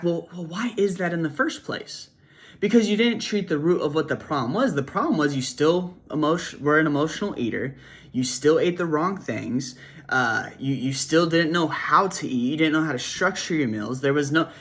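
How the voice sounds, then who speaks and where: A weight loss coach talks casually to camera for his viewers, a bit congested from a cold, rambling, repeating words, and asking "right?" often. His voice is slightly high and a bit bright.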